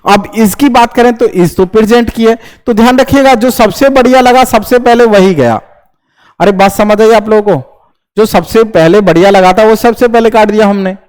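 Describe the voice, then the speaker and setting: A young man teaching English grammar in Hindi, lecturing to students and firing quick questions he answers himself. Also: extremely high pitch. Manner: lively, repeats checks like "understood?". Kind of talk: classroom lecture.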